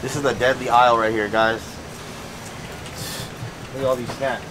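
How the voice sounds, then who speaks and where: Shopping in a large warehouse store, a young man who vlogs about fitness jokes around in slangy, casual talk. He speaks in a mid-range voice with fairly even intonation at a moderate pace, and the store around him is noisy.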